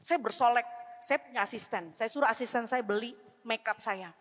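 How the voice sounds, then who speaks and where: A woman preaching a revival sermon, emotional, swinging between loud pleas and hushed tones, mixing in English words. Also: on the high side, normal speed. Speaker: seminar speaker. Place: church hall. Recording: long hall reverb.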